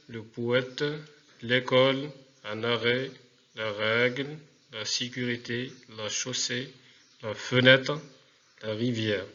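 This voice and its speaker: A man teaching a remote spelling lesson to pupils, speaking deliberately and repeating words for dictation. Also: mid-range voice, sharp tone, dull audio.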